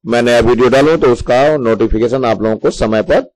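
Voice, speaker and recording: A man's voice: mid-range voice, a little fast, darkish tone, rough recording. A male teacher explaining Hindi grammar to schoolchildren, reading examples out step by step in a patient way.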